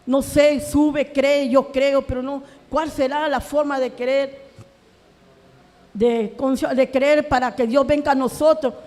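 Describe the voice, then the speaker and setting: A middle-aged woman from Peru tells her conversion story in a church with a strikingly high voice. She acts out past conversations and grows anguished as she recalls them. A long reverb from the hall trails every line. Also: steady tone, slow, a little mellow. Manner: earnest, acts out remembered dialogue, voice rising in anguish. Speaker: church member giving testimony. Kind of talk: emotional personal testimony.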